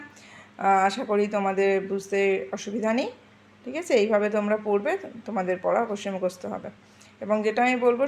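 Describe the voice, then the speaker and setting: Patient woman teacher, gravelly voice. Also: medium pitch. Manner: patient, repeats forms slowly and asks "ঠিক আছে?". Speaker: Sanskrit teacher. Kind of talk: explaining grammar to students.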